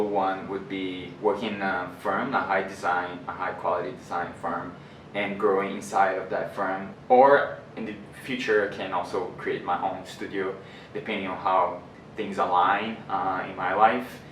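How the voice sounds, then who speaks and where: A young man from Brazil, a licensed architect now studying, answering in a measured way with fillers. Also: low voice, steady tone, a bit bright, a little hiss or hum. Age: young adult. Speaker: architect and student. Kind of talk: casual interview answers. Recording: echoey room, distant mic.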